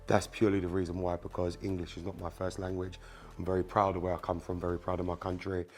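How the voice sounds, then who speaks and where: Deep, dark-toned, and monotone, this man speaks fast as he hosts a car mechanic channel's hands-on repair tutorial. Spanish is his first language; his manner is casual, with frequent fillers like "um" and "obviously" and direct asides to viewers as "you guys" as he works.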